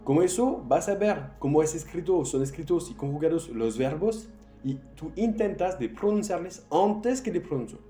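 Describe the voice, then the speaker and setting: A man teaching an online language lesson, patiently repeating words slowly for drills and encouraging the learner directly. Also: fairly high pitch, mellow, roomy sound.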